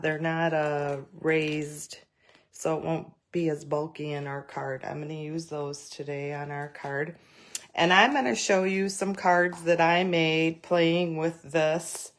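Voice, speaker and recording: A woman giving a live craft demonstration, chatty and rambling, greeting viewers by name as she goes. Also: low-pitched. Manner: rambling with many fillers and restarts.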